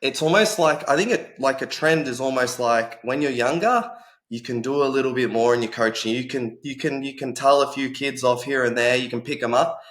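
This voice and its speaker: A man who coaches martial arts, co-hosting a podcast and chatting in a relaxed way, full of "like" and "yeah". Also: medium pitch, brisk. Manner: relaxed, chatty, lots of "like" fillers. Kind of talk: casual podcast chat.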